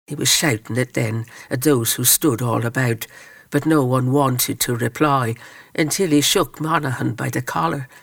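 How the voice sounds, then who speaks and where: A man reading a story aloud in solemn, measured scripted narration. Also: medium pitch, creaky, fairly bright tone, dry recording, clean studio sound.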